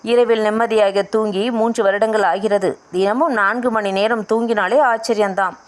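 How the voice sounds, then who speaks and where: A woman's voice: mid-range voice, fairly even intonation, moderate pace. A woman reading a family novel aloud as an audiobook narrator, voicing the dialogue in her own voice.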